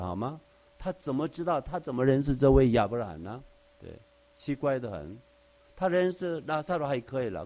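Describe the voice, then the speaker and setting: Here a Bible teacher with a warm, mid-range voice talks through scripture one verse at a time. His conversational sermon leans on everyday examples and frequent rhetorical questions.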